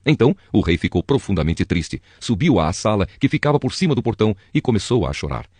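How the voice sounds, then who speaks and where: A man narrates scripture in a low, lively voice that rises and falls expressively. The recording is close and dry, with no room sound. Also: fast talker, slightly rough, dry recording. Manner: expressive storytelling. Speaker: Bible reader.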